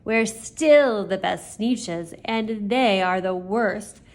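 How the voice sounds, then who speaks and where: A woman's voice: mid-range voice, slow, natural voice. A woman voicing snooty, boastful storybook creatures with haughty, emphatic declaiming. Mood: dismayed. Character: snooty, boastful beach creatures bragging of superiority.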